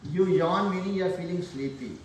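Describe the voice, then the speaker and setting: A man with a high-pitched voice teaches a math class a little fast, blending pep talk and dad jokes while addressing his students directly in a joking, motivational manner. The classroom lesson is recorded from far off in an echoey room, with slight background noise.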